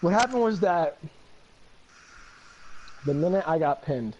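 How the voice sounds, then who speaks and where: Guest man, higher voice, swears a lot and rambles heatedly; dull lo-fi mic. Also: expressive, a little slow, darkish tone, slight background noise. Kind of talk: casual chat.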